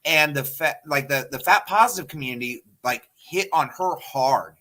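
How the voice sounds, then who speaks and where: A man in his thirties with a bright, fairly high voice. He speaks bluntly in an animated, casual chat and swears freely. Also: normal speed. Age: 30s. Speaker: podcast co-host.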